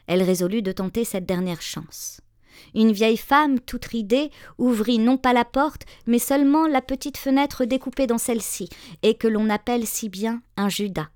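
A woman narrating a storybook tale in a measured, expressive reading voice. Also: fairly high pitch, smooth, dry recording, studio quality.

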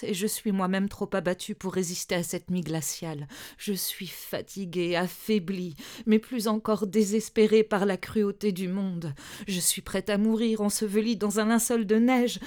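A woman's voice: medium pitch, natural voice. A woman voicing a weary, pleading poor mother. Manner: soft, imploring.

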